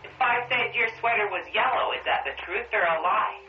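A woman police officer gently questioning a young child, heard on an old archival interview tape, patient and repeating the child's answers back in simple words. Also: mid-range voice, fairly quick, slight background noise. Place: interview room. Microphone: room recorder placed far from her. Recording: muffled distant roomy archival tape.

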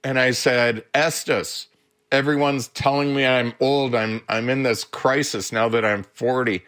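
A therapist and social worker in his seventies, guesting on a radio show, tells anecdotes with frequent chuckles. His mid-range, fairly bright voice is unhurried with fairly even intonation.

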